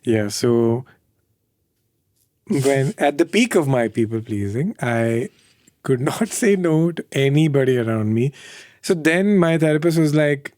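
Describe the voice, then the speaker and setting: A man's voice: medium pitch, lively intonation, unhurried, darkish tone, dry recording, studio quality. A man in his thirties with an Indian English accent, telling candid stories in an interview, acting out quoted voices and laughing often. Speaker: interview guest. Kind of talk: candid conversational storytelling.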